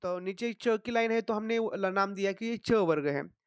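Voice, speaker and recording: A teacher giving a patient spoken lesson, saying each sound slowly and often checking in with the listener. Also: mid-range voice, smooth, no room sound. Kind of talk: explanatory lesson.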